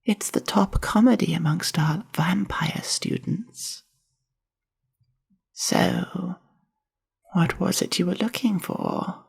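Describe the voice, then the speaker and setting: This woman takes on the part of an awkward, reclusive librarian who is half spider for an ASMR roleplay, whispering huskily with hesitant, deadpan dryness. She speaks slowly with frequent pauses, in a fairly low, exaggerated voice.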